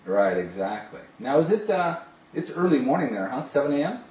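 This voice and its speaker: A middle-aged video phone sales rep has a mid-range, darkish voice that is very animated and brisk. He casually demonstrates a product and chats on a call, gushing with enthusiasm, from a small indoor home office. A camera mic a few steps away records him with roomy, distant, hissy quality.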